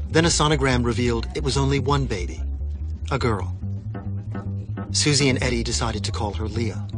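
A man giving scripted documentary narration in a measured, explanatory way. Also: medium pitch. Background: music.

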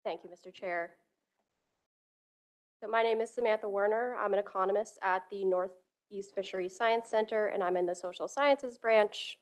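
Woman economist giving a meeting presentation. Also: medium pitch. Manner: steady, explanatory, occasional self-repeats. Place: council meeting room. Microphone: table microphone.

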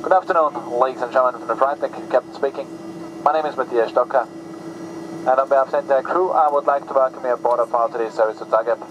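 Brisk captain's cockpit announcement over cabin PA. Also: male voice, mid-range voice. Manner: formal, routine announcing. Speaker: airline captain. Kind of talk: bilingual in-flight announcement. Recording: muffled cabin PA with loud engine noise.

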